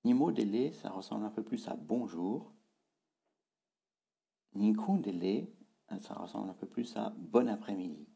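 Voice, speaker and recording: A man teaches a language lesson in a slow, unhurried delivery, saying each word again and again to drill its tones. His voice is gravelly and very dark, sitting fairly low. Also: lively intonation.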